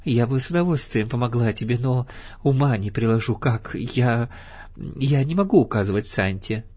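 A man voicing a gentle, motherly female kangaroo in a storybook reading, soft and kindly. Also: medium pitch, expressive, moderate pace, close to an everyday voice.

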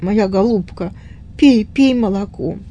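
A woman's voice: medium pitch, measured pace, dark tone, a little hiss or hum, natural voice. A woman voicing a loving, frightened mother in a retold story, soothing and tender.

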